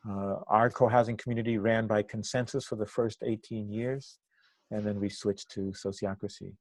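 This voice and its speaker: Speaking low, an older activist and trainer from Cuba, whose native language is Spanish, reflects on interview questions; he came to the US at age eight. He works things out aloud, stopping mid-phrase before carrying on. His tone stays level, and the recording is dry and close with little room sound.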